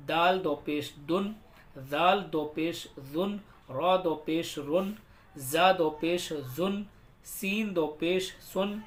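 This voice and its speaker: A man with a fairly high voice leads a recitation lesson. He drills each letter sound slowly and deliberately, pausing between every item as a patient teacher. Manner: slow drawn-out letter-by-letter drilling. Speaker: Quran reading teacher.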